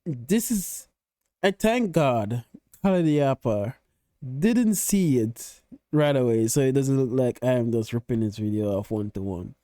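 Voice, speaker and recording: Blunt, profane man with a mellow voice. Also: medium pitch, lively intonation, measured pace, dry recording, clean studio sound. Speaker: reaction video host. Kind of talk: casual reaction commentary.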